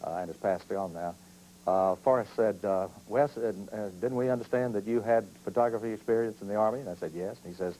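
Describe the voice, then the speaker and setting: A man's voice: fairly low pitch, a little fast, warm tone, slight background noise, rough recording. A man in a documentary interview telling folksy stories about his start as a news cameraman. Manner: folksy anecdotal storytelling. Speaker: former TV cameraman. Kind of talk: documentary interview, recalling the past.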